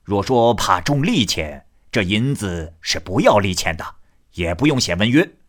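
A man voicing a loud, gruff, swaggering drunken moneylender in a storytelling reading. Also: fairly low pitch, very animated, unhurried. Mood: indignant. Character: drunken brawling male street moneylender, boastful.

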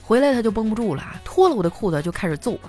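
Animated woman comic storyteller. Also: medium pitch, racing, faint music behind. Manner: animated storytelling, chatty filler particles. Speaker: comedian. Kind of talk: stand-up comedy monologue.

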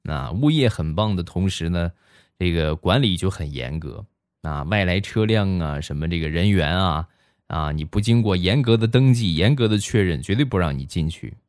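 A man's voice: low voice, expressive, moderate pace, a little mellow, dry recording, studio quality. A man, telling comic stories on a podcast in a chatty, playful way. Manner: chatty and playful, heavy erhua. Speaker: comedy podcast host. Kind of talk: comic storytelling.

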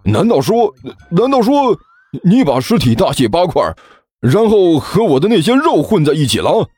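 A man voicing a jittery middle-aged male meat seller who stammers in a shrill, panicky voice for a storybook. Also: very animated, unhurried, a little mellow, slightly rough, no echo. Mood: horrified. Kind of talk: storybook narration.

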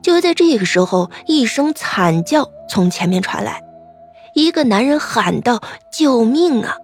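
A woman narrating a story in a lively, expressive way. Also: a little high, unhurried. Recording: faint background music.

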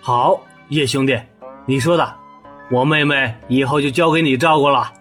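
A man's voice: mid-range voice, fairly even intonation, moderate pace, a bit bright, faint music behind, lightly acted. A man voicing a bold, teasing young officer who talks brashly and pushily in a historical audio drama. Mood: pushy. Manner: brash, pushy, joking.

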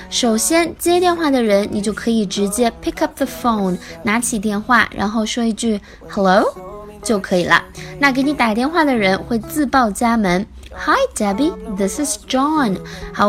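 A woman teaching English, explaining phrase by phrase and repeating the English lines. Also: a little high. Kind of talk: language lesson explanation.

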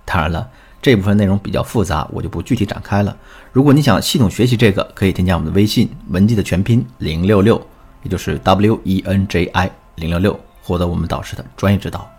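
A man's voice: low-pitched, fast, darkish tone, slightly rough. A man teaching as a relationship coach, telling a student's story in a scripted lesson and speaking directly to the listener. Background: faint background music.

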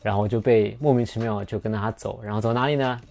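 A man's voice: fairly low pitch, steady tone, quick pace, creaky, a little mellow. A young man hosting a podcast, telling a personal story in a casual, rambling way with many restarts and fillers. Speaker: podcast host.

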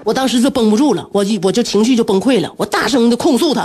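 A woman, a radio host telling a story in an animated way and laughing often. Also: very fast, crowd noise, background noise. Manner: animated, laughing often, breaks into shrill scolding.

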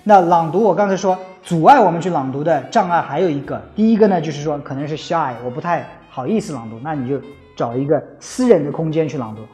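A man's voice: a little high, expressive, quick pace, a little mellow. Middle-aged man from China, earnest casual teacher, mixes in English phrases, faint music behind. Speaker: English-learning advice speaker. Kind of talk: casual spoken lesson.

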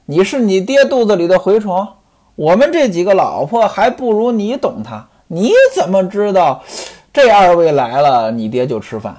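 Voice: mid-range voice, big pitch swings, normal speed, a little mellow. A storyteller voicing the stern first wife of a rich household who scolds a servant sarcastically. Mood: sarcastic.

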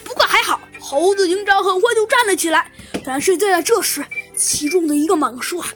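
A woman narrating a children's story in a lively, exclamatory way. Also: extremely high pitch, a little fast, faint music behind.

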